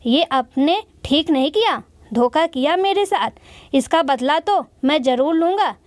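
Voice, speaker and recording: Woman reads angry middle-aged father, accusing, high-pitched, dry close sound. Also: unhurried, dry recording. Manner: shouting accusations.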